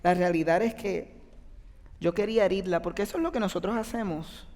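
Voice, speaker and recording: A man's voice: sits high, a little fast, darkish tone. Pastor in his 30s, chatty sermon to a live congregation, long hall reverb. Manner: conversational, addresses the audience directly. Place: church auditorium with an audience.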